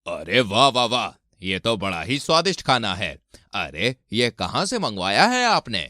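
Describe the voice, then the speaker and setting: A man's voice: on the low side, sing-song, moderate pace, pushed and bright, no room sound, clean studio sound, voice pushed down. A man voicing a male party guest in a cartoon story, praising the food. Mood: delighted.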